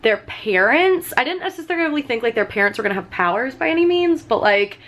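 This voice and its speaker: Sitting on a fur rug at home, a young vlogger chats casually while doing her makeup, her talk peppered with "like" and "um." Her voice is a little high, expressive, brisk and fairly bright, though slightly hoarse because she's getting sick.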